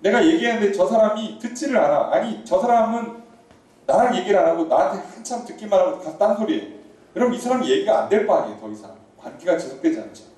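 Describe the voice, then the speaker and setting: Male pastor, mellow voice, preaching from across an echoey church hall. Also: sits high, quick pace, distant mic. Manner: animated, conversational preaching with questions to the congregation. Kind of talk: sermon. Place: church sanctuary.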